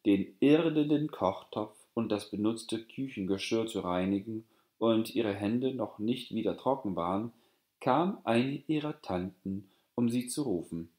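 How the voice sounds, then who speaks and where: Low-voiced male fairy-tale narrator. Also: a little mellow. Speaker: audiobook narrator. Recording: roomy echo.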